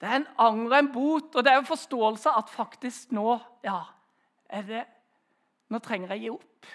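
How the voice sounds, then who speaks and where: A man preaching a sermon in a storytelling way, swinging between loud raised phrases and soft, hushed ones. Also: extremely high pitch.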